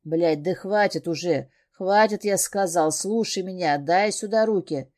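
A woman's voice: on the low side, unhurried, warm tone, natural voice. A woman voicing a domineering, angry man in an audiobook, barking orders and cursing. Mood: harsh commanding.

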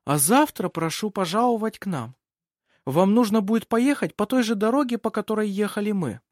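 A man's voice: high-pitched, lively intonation, normal speed, no echo, studio quality, pitched above the performer's own voice. A man voicing a courteous noble lady, speaking formally in an audiobook. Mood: gracious. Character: gracious noble lady inviting travelers.

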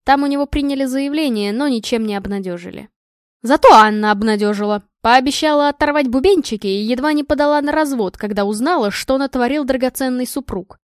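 A woman narrates a story in a lively, expressive way. Her voice sits fairly high, and the recording is close and dry with no room echo. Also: brisk. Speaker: audiobook narrator. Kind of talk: scripted narration.

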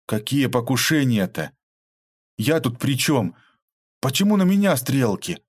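A man's voice: fairly low pitch, lively intonation, moderate pace, dry recording, studio quality. Man doing a whiny, panicky young debtor. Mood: sullen. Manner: grumbling, panicky, defensive. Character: sullen, whiny young man deep in debt.

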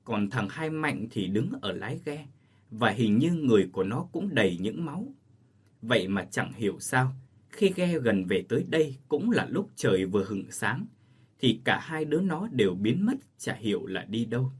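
A man's voice: medium pitch, sing-song, moderate pace, husky. A man reading as a frightened village aunt. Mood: distressed. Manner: plain storytelling delivery of quoted speech. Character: grieving middle-aged village aunt, frightened, blunt.

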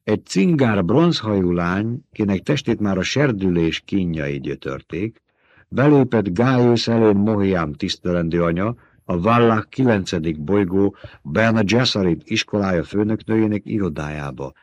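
A man reading a novel aloud as an audiobook narrator, in a measured way. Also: low voice, animated, no room sound, muffled recording. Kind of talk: scripted narration.

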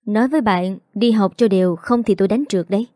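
A woman's voice: medium pitch, fast talker, dark tone, no echo, clean studio sound, natural voice. A woman voicing a cold, controlling male teacher who speaks in stern commands.

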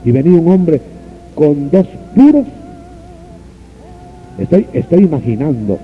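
A man preaching a sermon with passion, swinging from soaring cries to low asides and calling the listeners brother. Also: sing-song, unhurried, soft background music. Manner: addresses listeners directly as brother. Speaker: pastor. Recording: dull lo-fi recording with faint hiss.

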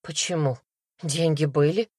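A woman's voice: sits low, steady tone, a little slow, darkish tone, dry recording, clean studio sound. A woman reading an audiobook, voicing a frightened young man under suspicion who speaks in a broken, pleading way. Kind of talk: audiobook character voice.

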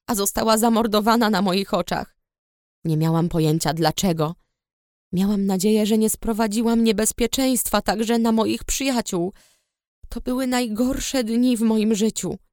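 A woman's voice: medium pitch, darkish tone, no echo. Woman narrating a storybook, dry close sound. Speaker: audiobook narrator. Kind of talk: first-person storybook narration.

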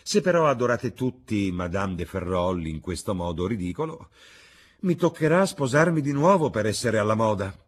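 A man's voice: fairly low pitch, big pitch swings, moderate pace, voice pushed up. A man voicing a chattering elderly aristocratic hostess, gushing and theatrical. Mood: gossipy.

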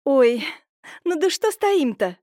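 A woman voicing a bustling, scheming middle-aged village woman who talks in quick, exclamatory bursts. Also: high-pitched, animated, a little mellow, no room sound, clean studio sound, voice pushed up. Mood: fussy. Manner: fast, fussy, exclamatory.

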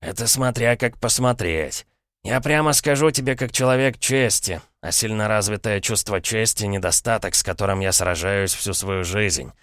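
A scheming middle-aged uncle, all smooth mock courtesy and ironic self-regard, as a male narrator puts him on higher than his own voice. He purrs his lines with a knowing, pompous air. The storybook reading sits close and dry, with no room around it. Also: moderate pace, a bit bright, dry recording, lightly acted. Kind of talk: audiobook character voice.

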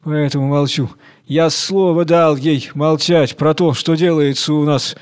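A man's voice: fairly high pitch, fairly even intonation, unhurried, clear, resonant tone, close to an everyday voice. A man doing a grumbling, henpecked tavern keeper. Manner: complaining, confiding to friends.

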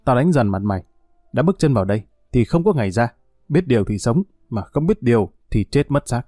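A man's voice: medium pitch, sing-song, fairly quick, mellow, no echo, clean studio sound. A man doing a cruel menacing pimp. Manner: harsh, threatening, contemptuous. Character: brutal male pimp, cold and menacing.

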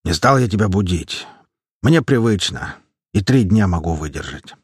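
A man voicing a burly bearded comrade who teases roughly and brashly in an audiobook. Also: deep voice, expressive, normal speed, dry recording, studio quality. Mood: mocking. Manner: teasing, rough and joking.

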